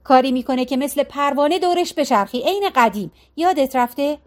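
Audiobook: female narrator voicing disapproving older mother, scolding, high register. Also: animated. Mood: reproachful. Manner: scolding, reproachful.

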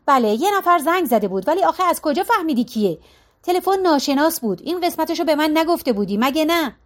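Audiobook: female narrator doing exasperated adult daughter, animated complaints, high voice. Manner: exasperated, lively.

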